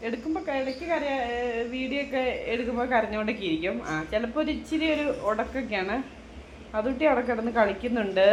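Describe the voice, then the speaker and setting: A woman in her thirties chatting to her viewers in a casual home vlog, with friendly asides aimed at the audience. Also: a little high. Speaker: vlogger and mother. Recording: echoey room with faint hum.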